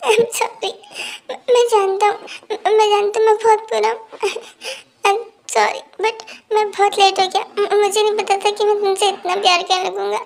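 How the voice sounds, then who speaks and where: Amateur dubber doing a remorseful young husband, very high gravelly voice, stammering apologies. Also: fairly even intonation, moderate pace, a bit bright. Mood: tearful. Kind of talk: amateur Hindi fan-fiction dub.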